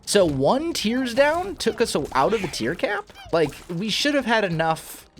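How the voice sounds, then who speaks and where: A man's voice: high voice, very animated, measured pace, slight background noise. A man with a groggy morning voice, chatting casually and thinking aloud as he plays a video game, often correcting himself mid-sentence. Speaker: let's play host. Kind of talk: casual gameplay commentary.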